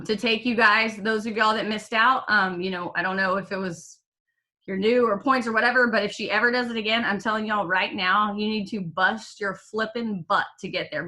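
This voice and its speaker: Upbeat woman, bright tone, runs a team call while hiccuping, casual and joking. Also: mid-range voice. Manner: upbeat and chatty, with fillers and jokes. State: has the hiccups. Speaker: team leader.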